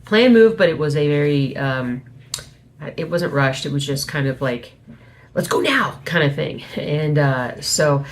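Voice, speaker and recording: A woman speaking quietly at night in a casual, rambling, self-correcting chat, hosting an informal video update. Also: sits low, a little slow. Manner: speaking quietly at night so as not to wake someone. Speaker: host of a weekly cross stitch video update. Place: small home office.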